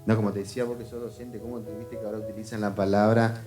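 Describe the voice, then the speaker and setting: Chatty man over soft guitar. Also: lowish voice, little pitch movement, rapid-fire. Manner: chatty, asks questions, repeats others' words. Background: guitar music.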